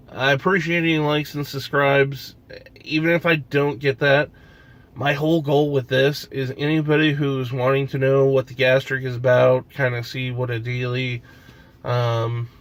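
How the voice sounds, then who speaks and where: A man's voice: mid-range voice, a bit bright. A young man with a stuffy nose, talking casually in a vlog and rambling with fillers and restarts. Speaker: vlogger.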